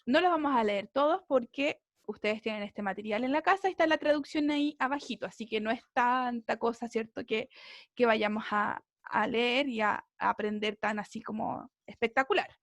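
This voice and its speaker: A woman's voice: a little high, normal speed, fairly bright tone, no room sound. A woman English teacher explaining a lesson over a video call, patiently checking that her students follow. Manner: patient, keeps checking understanding with tag questions. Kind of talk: online class explanation.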